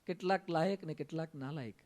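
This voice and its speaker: A man with a Gujarati accent, a monk giving a sermon, telling stories with quoted dialogue and gentle humor. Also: on the high side, fairly quick. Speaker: monk preacher. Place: assembly hall.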